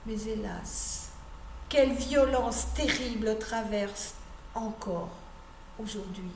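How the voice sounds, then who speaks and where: Woman pastor, slow meditative sermon, rather high voice, echoey room recording. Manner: measured, emphatic on key phrases, voice dropping at sentence ends. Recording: echoey room with faint background noise.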